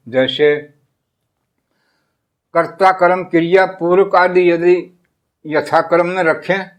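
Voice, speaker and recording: Slow, deliberate male grammar teacher. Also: medium pitch. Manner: explains step by step with pauses and reads out example sentences; hesitant restarts and filler sounds. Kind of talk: grammar lesson.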